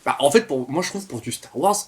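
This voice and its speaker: A man's voice: a little high, lively intonation, quick pace. A man as guest co-reviewer in a casual chat, talking hesitantly with many restarts.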